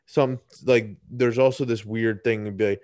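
Low-voiced man, dry close sound. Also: fairly even intonation, darkish tone, no echo. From United States. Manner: measured and thoughtful, with hedging fillers. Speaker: podcast co-host. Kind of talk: casual chat.

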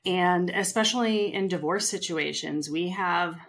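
A woman's voice: on the low side, measured pace. A middle-aged woman, a real estate agent, talking casually in a podcast conversation and acting out the people she quotes. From California. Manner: chatty, animated storyteller who acts out quotes.

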